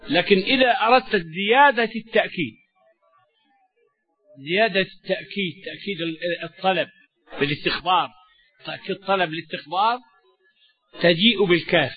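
A man giving a religious lesson, measured and explanatory, often repeating key words. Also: high-pitched. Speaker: Quran teacher. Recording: dull lo-fi recording with faint music.

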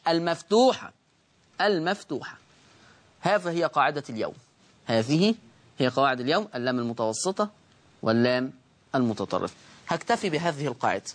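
A man's voice: a little high, a bit bright. Egyptian man teaching Quran recitation. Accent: Egyptian Arabic. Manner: explains slowly, drawing out the recited words; asks the class questions and answers them himself. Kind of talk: tajweed lesson.

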